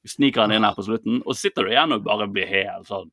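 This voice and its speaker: Man, podcast co-host, animated storyteller, casual swearing, dry close sound. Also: on the low side, vocal fry, no echo. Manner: lively storyteller who acts out quotes and swears freely. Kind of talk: casual chat, retelling a film.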